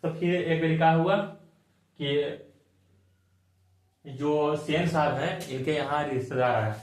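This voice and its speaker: A man's voice: a little high, slow pace. A man explaining a chapter for exams, colloquial and repetitive, asking and answering his own questions. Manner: colloquial, repeats key points, asks and answers own questions. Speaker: teacher. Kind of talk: exam-focused chapter explanation. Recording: echoey room.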